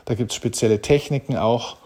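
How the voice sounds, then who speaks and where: A man's voice: medium pitch, normal speed, a little mellow, slightly rough. A man giving an earnest, direct motivational talk, answering questions and addressing the listener personally. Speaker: motivational speaker.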